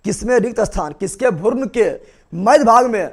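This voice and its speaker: A young man with a high-pitched voice and lively intonation gives a biology lecture to a class. He keeps peppering students with quick questions and repeats key terms until they sink in.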